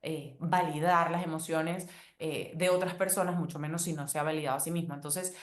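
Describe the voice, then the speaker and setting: Woman chatting on her podcast, gentle and easygoing, lots of ums, a bit of room echo. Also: low-pitched, steady tone, brisk. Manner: gentle, conversational, many fillers. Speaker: podcast host. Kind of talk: casual advice podcast monologue. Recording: roomy echo.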